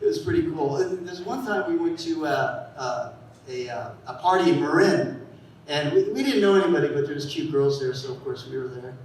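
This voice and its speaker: A man in his fifties from the San Francisco Bay Area doing a rambling stand-up set on a comedy club stage, breaking into loud shouted voices for the people in his stories. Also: fairly high pitch, lively intonation, fairly quick, a little hiss or hum. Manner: rambling storytelling with bursts of shouted character voices. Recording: echoey club sound from a distant mic.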